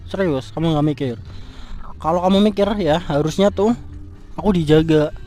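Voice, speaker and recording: A man's voice: fairly high pitch, moderate pace, mellow, faint music behind, lightly acted. A man playing a furious young man who scolds and curses his cheating fiancée in a scripted street drama. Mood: angry. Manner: angry scolding, cursing. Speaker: jilted fiancé.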